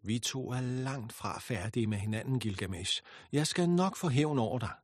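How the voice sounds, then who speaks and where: A man voicing a furious, vengeful goddess who speaks in a shrill, commanding, scornful way. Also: lively intonation, dry recording, clean studio sound, lightly acted. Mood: hissing. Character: furious vengeful goddess, woman, proud and spiteful.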